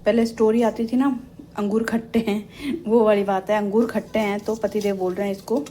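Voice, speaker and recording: A woman's voice: medium pitch, fairly even intonation, moderate pace, dark tone. A middle-aged woman chatting casually to her viewers in a home vlog, rambling from one thing to the next, recorded in a kitchen on a phone without a separate mic. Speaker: family vlogger. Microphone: built-in phone or camera mic, no external mic. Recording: echoey room with faint noise.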